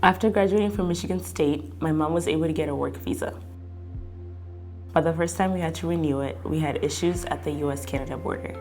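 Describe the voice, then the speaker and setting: Low-voiced young woman from Kenya. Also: a little fast, darkish tone, soft background music. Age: young adult. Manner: reflective, with frequent fillers. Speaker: interviewee. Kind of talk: documentary interview.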